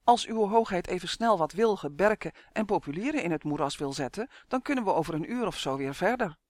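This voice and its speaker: Brief: man as an eager storybook elf, high and fawning, dry close recording. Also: animated, brisk, dry recording. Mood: gushing. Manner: gushing, fawning. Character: small excitable male elf, eager and flattering.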